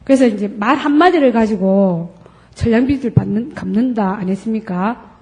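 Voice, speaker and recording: A woman giving a lecture, acting out quoted dialogue as she goes. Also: moderate pace. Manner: acts out quoted dialogue with lively pitch swings.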